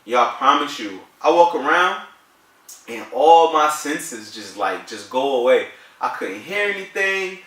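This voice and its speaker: Man from New Jersey, thirties, slangy animated storyteller; lively, bright voice, echoey room, mic at a distance. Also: medium pitch, measured pace, slight background noise. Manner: animated, slangy, acts out his own past lines. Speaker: vlog co-host. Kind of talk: casual storytelling.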